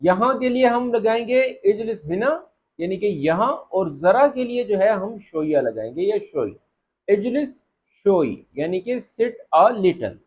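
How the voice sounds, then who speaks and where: A man teaching spoken Arabic phrases, saying each phrase slowly and more than once before explaining it. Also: high voice, animated, a little mellow. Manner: repeats phrases slowly and drawn out, then explains. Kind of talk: spoken language lesson.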